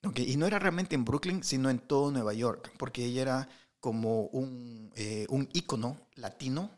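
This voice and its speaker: Speaking at normal speed in a mid-range voice, this middle-aged entrepreneur shares stories as a guest in a relaxed interview. His casual storytelling is full of fillers and frequent restarts.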